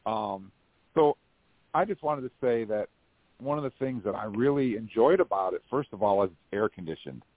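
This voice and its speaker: With a lowish, animated voice at a normal speed, an American man hosts a live fan podcast that takes calls, playing the folksy showman. The recording is dry, with the narrow, phone-like quality typical of podcast audio.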